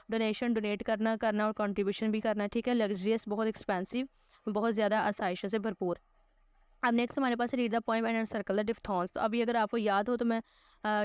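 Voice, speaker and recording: A woman's voice: a little high, clean tone, dry recording. A woman teaching an English exercise, explaining each answer patiently and repeating points in two languages. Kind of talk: exercise walkthrough lesson.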